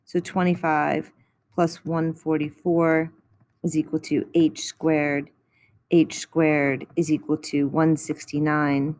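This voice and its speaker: A woman with a fairly low voice teaches a recorded math lesson. She talks patiently and explains each step as she goes. The voice-over is close to the mic. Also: darkish tone.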